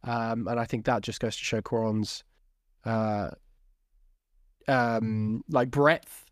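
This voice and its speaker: A man's voice: on the low side, fairly even intonation, slow pace, no echo, studio quality. A man co-hosting a podcast, chatting casually about films and often repeating words as he thinks. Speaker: podcast co-host. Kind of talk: casual film chat.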